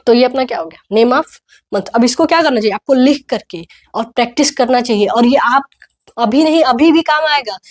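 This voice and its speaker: Woman teacher drilling pronunciation. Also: fairly high pitch. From India. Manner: repeats each word slowly, drilling pronunciation; coaxing, asks class to repeat. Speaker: English teacher. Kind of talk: spoken English pronunciation lesson.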